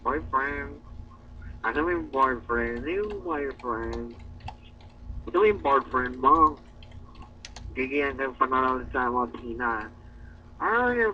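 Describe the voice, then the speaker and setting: A man's voice: medium pitch, slight background noise. A man from the Philippines teasing coworkers in mocking banter, growling "arr" and laughing often. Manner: taunting, repeatedly growls "arr" in mockery. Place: indoor room. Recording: distant, dull lo-fi recording.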